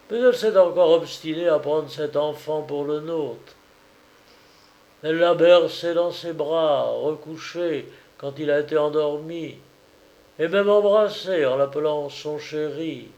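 A man's voice: fairly high pitch, a little mellow, low-quality recording. A man voicing an anxious, pleading husband. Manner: earnest and pleading. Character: anxious devoted husband and father, gentle. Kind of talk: audiobook character reading.

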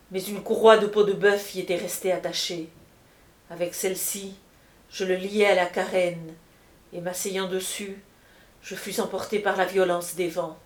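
A woman reading an ancient epic aloud as scripted narration, measured and solemn. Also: fairly low pitch. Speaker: audiobook reader. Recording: roomy echo.

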